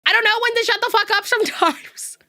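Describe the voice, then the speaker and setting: Extremely high-pitched, creaky, bright and forceful, her voice moves fairly quickly. She's a young VTuber from the US West Coast with a neutral accent who laughs often while casually chatting with her viewers.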